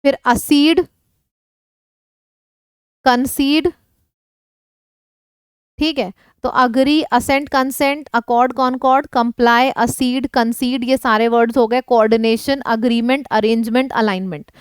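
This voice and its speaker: Woman teacher going over vocab, high clear voice, dry close mic, keeps asking if it's clear. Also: steady tone, unhurried, long pauses, dry recording. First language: Hindi. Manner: explains words in mixed Hindi and English, checks in often. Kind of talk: online vocabulary lesson.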